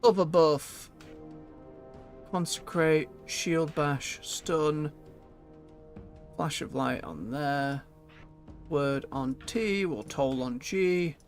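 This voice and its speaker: A man's voice: fairly high pitch, drawn-out words, long pauses, soft background music. A man giving casual gameplay commentary as a streamer, chatty and muttering to himself as he goes. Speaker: video game streamer.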